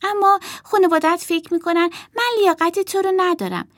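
A woman's voice: extremely high pitch, fairly even intonation, dry recording, clean studio sound, pitched above the performer's own voice. A woman voicing a boastful young boy. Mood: earnest. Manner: earnest, boastful, rising to shouts. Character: young boy set on proving himself.

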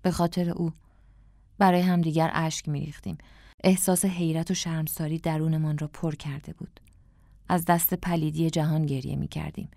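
A woman narrating an audiobook in a calm, reflective storytelling manner. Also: deep voice, vocal fry, dry recording, studio quality.

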